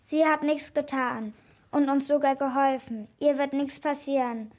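A woman voicing a calm, kindly male police officer in a storybook reading. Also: sits high, unhurried. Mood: reassuring. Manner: calm, reassuring.

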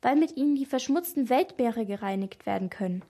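Woman reading a stern older policeman, formal, firm, high voice, children's story. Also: animated, fairly quick, mellow. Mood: explaining.

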